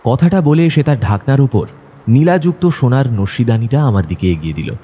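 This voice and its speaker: An actor playing Dr Watson, a genial, sceptical gentleman who tells the story in the first person, with expressive delivery and a husky voice. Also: medium pitch, a little fast. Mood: narrating.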